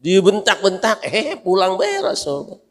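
A man preaches to a congregation in a fairly high voice. He tells stories and acts out the voices in them, joking with the listeners as he goes. The long reverb of a mosque hall trails behind every phrase. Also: a little slow. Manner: lively storytelling, acting out quoted voices, joking with the audience. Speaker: kyai preacher.

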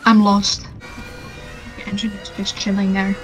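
A woman's voice: medium pitch, monotone, a little slow, over music. A woman in game voice chat, exclaiming and swearing. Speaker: gaming friend.

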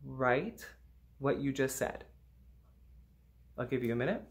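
A man's voice: mid-range voice, takes it slowly. A man teaching an online music lesson to children, playful and upbeat, singing rhythm syllables and sometimes whispering.

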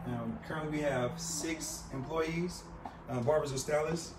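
A man's voice: a little high, a little slow, background noise. A middle-aged man who owns a barbershop, answering interview questions politely and earnestly, with many fillers. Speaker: barbershop owner. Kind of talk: casual interview on a live video. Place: large barbershop indoors. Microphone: phone camera held by interviewer. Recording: roomy shop with faint ambience.

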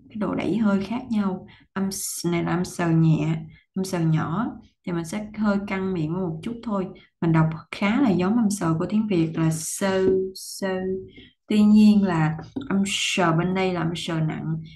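A woman teaching pronunciation, patiently explaining step by step and slowly repeating words to demonstrate them. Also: lowish voice, dark tone.

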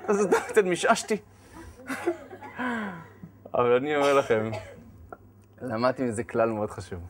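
A man, a rabbi, giving a humorous sermon, acting out scenes with laughter and shouted lines. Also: on the high side.

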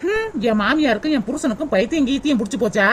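Fast high-pitched snarky cartoon daughter-in-law. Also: female voice, sing-song, heavy background noise. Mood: sarcastic. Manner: sarcastic, complaining. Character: sharp-tongued grumbling daughter-in-law.

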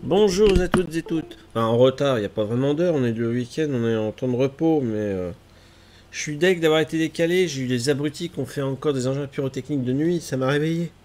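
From his gaming chair in a small room at home, a thirty-something man with a cold chats with his live-stream viewers, gaming and fussing over tech problems in a self-mocking way. His medium-pitched voice is darkish in tone and fairly quick, and he sounds stuffy. There's a little hiss or hum.

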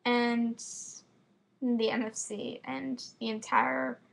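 This teen fan vlogger from Florida speaks with a high, level, creaky voice, an American accent and a slight lisp. She rambles fast and chattily, leaning on many fillers, into her built-in computer webcam mic. She's recording indoors at home near bookshelves, and the quality is low.

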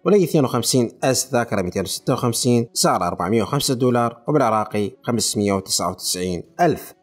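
A man with an Iraqi accent rattles through a list of prices at a very fast clip. His voice is slightly husky and sits at a medium pitch. Faint music plays underneath. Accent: Iraqi Arabic. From Iraq. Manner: rapid, listing figures in a steady run. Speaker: tech channel host. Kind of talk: reading out price lists.

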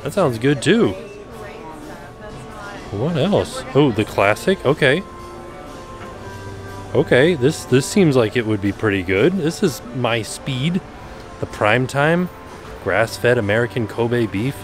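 A man's voice: medium pitch, lively intonation, slow pace, pauses often, over music. A man vlogging casually, chatting enthusiastically about menus and food as he walks around. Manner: chatty, enthusiastic food commentary with frequent "ooh". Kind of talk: casual vlog narration. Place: outdoor shopping plaza and indoor restaurant.

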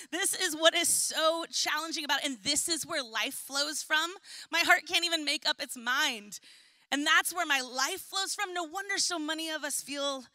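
Woman, young adult, preacher, loud and chatty, high voice, dry close sound. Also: no echo. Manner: energetic, loud and chatty with playful asides. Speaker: pastor. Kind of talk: sermon. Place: church auditorium.

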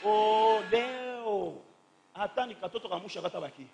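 A man preaching a fervent sermon, shouting and stretching phrases as he calls on the congregation to repeat after him. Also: sits high, measured pace, vocal fry, muffled recording, slight background noise. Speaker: pastor. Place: church during a live service.

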